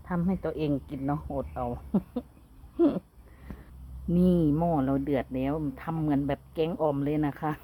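Casting: Isan woman vlogger, low-pitched voice, chatty with frequent laughs, outdoors with faint rooster noise behind. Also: mellow. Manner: chatty, laughs often, polite particles. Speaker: vlogger cooking and gardening at home. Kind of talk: casual chat to camera. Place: outdoors at a rural home.

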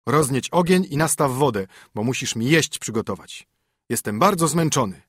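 A man's voice: mid-range voice, lively intonation, moderate pace, fairly bright tone, husky, dry recording, studio quality. A man reading a fairy tale audiobook, voicing a stern poor minstrel husband who commands and scolds his wife. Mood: scolding.

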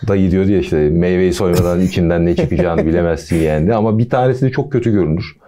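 A man hosting a football podcast, talking casually with a relaxed, chatty manner and jokey asides. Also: low-pitched, fast talker.

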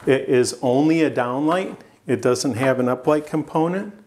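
A man in his forties presenting a product in a plain indoor studio, explaining steadily with the odd filler pause. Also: mid-range voice, a little mellow, slight background noise. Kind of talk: product demonstration.

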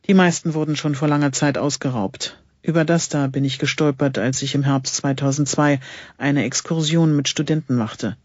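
An eager, secretive male archaeologist, read by a man in an audiobook, explaining his find in an earnest tone. The voice is husky and fairly high. The recording is dry and a little dull and lo-fi. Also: steady tone, moderate pace, no echo, close to an everyday voice.

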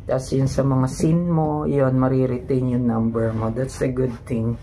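A man's voice: medium pitch, flat delivery, measured pace, dark tone, a little hiss or hum, rough recording. A man in his fifties from the Philippines, co-hosting a vlog in casual chat and often chiming in. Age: 50s. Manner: chatty, chimes in often. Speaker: vlog co-host.

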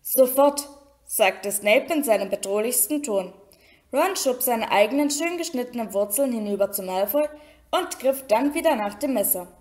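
A woman reading a children's novel aloud in a steady storytelling manner. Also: a little high, normal speed. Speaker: audiobook reader.

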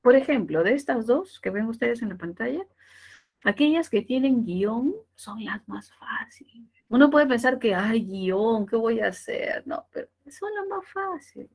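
Lively Peruvian woman teaching a class. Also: fairly high pitch, moderate pace. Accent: Peruvian Spanish. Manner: lively, asks and answers her own questions. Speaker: language teacher. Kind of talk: classroom lecture.

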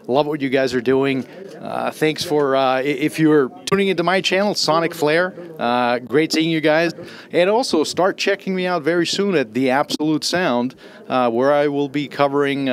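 A middle-aged man from Austria, an audio writer, talking casually to camera at a trade show in an eager, rambling way full of fillers and restarts. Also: medium pitch. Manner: eager, rambling, with many fillers and repeated starts. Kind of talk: casual spoken introduction to camera. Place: trade show demo room. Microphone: handheld mic held close.

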